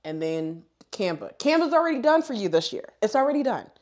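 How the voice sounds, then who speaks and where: Lively, high-voiced woman host. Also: a little fast. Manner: animated storyteller, laughs a lot. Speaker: livestream host. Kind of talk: casual chat.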